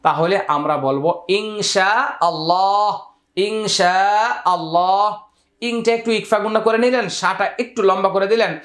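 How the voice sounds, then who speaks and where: Echoey male Quran teacher, patient and slow. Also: sits high, fairly bright tone. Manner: explains rules step by step, drawing out Arabic words slowly. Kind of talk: Quran recitation lesson.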